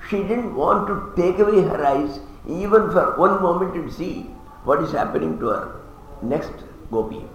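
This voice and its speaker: A man's voice: high voice, expressive, moderate pace. A man, chanting Sanskrit verses and explaining them in a religious discourse with touches of humor. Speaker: religious teacher. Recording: very echoey hall, faint background noise.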